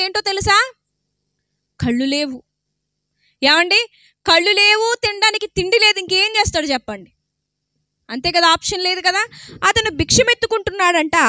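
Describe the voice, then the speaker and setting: High, bright-voiced woman preacher. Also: no room sound. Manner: storytelling preaching with rhetorical questions to the audience. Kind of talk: sermon.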